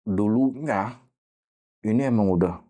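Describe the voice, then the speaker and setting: A man telling a story as a guest, in casual, animated storytelling with acted voices and sound effects. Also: on the low side, a little slow.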